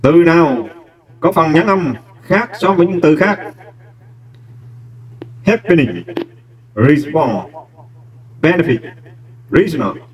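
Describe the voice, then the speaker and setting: A man's voice: fairly high pitch, animated, takes it slowly, pauses often, far from the mic, rough recording. A man, a teacher walking students step by step through an English exam, speaking to them directly and kindly. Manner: explains step by step, addressing students warmly as "các em". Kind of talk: exam walkthrough lesson.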